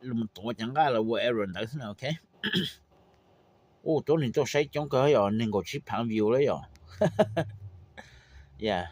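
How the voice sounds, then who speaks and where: A man giving an informal how-to talk on breeding poultry, unhurried and rambling, with frequent fillers. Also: mid-range voice, a little mellow, no echo. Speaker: poultry breeder explaining his method.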